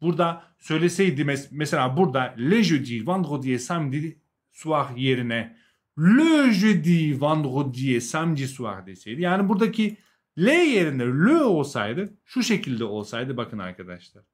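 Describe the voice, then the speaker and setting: A man's voice: fairly high pitch, sing-song, moderate pace. A young adult man with a Turkish accent teaching a live language lesson, explaining, translating and repeating key words for learners.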